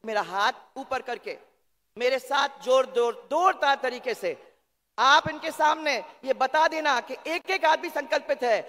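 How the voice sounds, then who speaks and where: A man's voice: very high-pitched, measured pace, sharp tone. A man giving a political rally speech, urging the party workers on with emphatic, repeated phrases. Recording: long PA reverb over public-address system.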